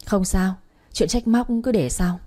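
A woman voicing a betrayed wife who shouts demands at her husband, reading a story aloud. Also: mid-range voice, measured pace, close to an everyday voice. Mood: forced calm. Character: betrayed wife, furious and desperate.

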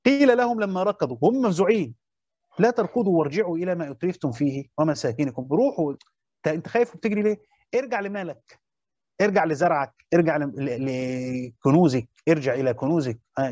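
A male teacher with an Egyptian Arabic accent explains a Quran commentary in class, speaking quickly in a high-pitched, slightly raised, somewhat mellow voice. He repeats key phrases and often stops to ask if listeners are following. The audio is dull and dry, with no room sound.

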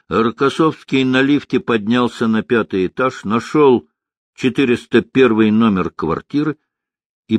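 A man reading a novel aloud as an audiobook narrator, in a measured, expressive style. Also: fairly low pitch, dry recording. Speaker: audiobook reader. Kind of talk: scripted narration.

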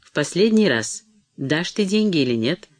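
Man reading as a rude grabby son, curt and bitter, slightly high voice, dry sound. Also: big pitch swings, normal speed, no echo. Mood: demanding. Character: rude, scheming young grown son.

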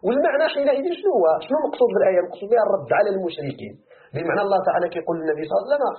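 Moroccan man, tafsir teacher, high lively voice, fast talk, tinny phone-like sound. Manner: animated, rhetorical questions to students. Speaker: Quran commentary teacher. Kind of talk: classroom tafsir lesson.

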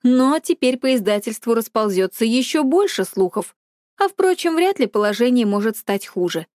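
A woman narrating an audiobook chapter in a measured, even reading. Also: a little high, no echo, studio quality. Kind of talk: scripted narration.

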